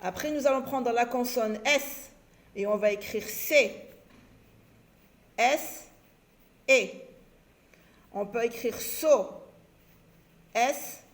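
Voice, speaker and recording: A woman teacher giving a recorded lesson to young children, slowly spelling out letters and syllables and repeating herself for them. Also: on the high side. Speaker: primary school teacher.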